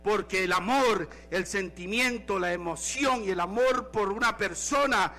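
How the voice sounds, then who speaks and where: A male pastor preaching a sermon in an animated way, slipping in English phrases now and then. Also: high-pitched, a little slow.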